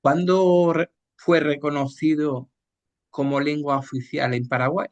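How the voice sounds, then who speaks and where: Guy hosting a radio show, quick direct questions, voice a bit high. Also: little pitch movement, lo-fi sound. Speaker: radio host.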